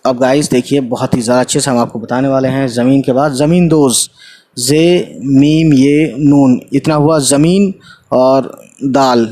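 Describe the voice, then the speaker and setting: A man's voice: mid-range voice, steady tone, measured pace, mellow. A man teaching Urdu in a casual online lesson, spelling out each word letter by letter and often talking to viewers as guys, with English fillers mixed in.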